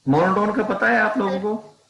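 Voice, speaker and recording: A man's voice: sits high, moderate pace, vocal fry, fairly bright tone, echoey room. A man teaching a math class online, often calling his students "beta" and checking whether they can hear him. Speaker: math lecturer.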